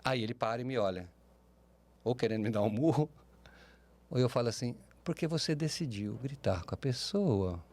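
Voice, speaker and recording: Animated Brazilian man with lively pitch. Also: normal speed. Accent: Brazilian Portuguese. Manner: animated, expressive pitch swings, frequent tag questions. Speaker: podcast guest, speaker and mentor. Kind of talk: podcast interview.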